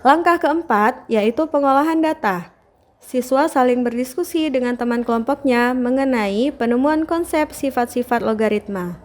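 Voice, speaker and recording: A woman's voice: sits high, normal speed. A woman teacher giving a formal, scripted voice-over that explains her lesson step by step.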